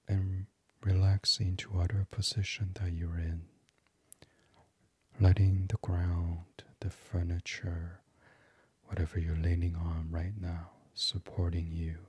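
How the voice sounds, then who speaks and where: A man's voice: low-pitched, husky, no room sound. A man leading a guided meditation in a soothing voice that often drops to a whisper. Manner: slow, soft and soothing, drifting into whispers.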